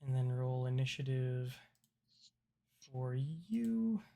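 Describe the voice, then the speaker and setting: A man narrating a tabletop roleplaying game as game master in a casual, halting way. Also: medium pitch, expressive, creaky, warm tone.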